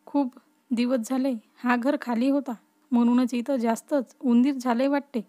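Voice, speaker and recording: Lady narrator doing a caring middle-aged dad, reassuring, soft high voice. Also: flat delivery, moderate pace, close to an everyday voice. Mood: tender.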